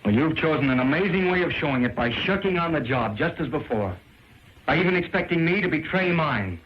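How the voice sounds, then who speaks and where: A man's voice: fairly high pitch, animated, brisk, lightly acted. An actor playing a proud, idealistic man with earnest, declamatory, stagey old movie delivery on a dull, faintly noisy early film soundtrack. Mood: reproachful. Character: proud, idealistic, reproachful man, scornful of cowards.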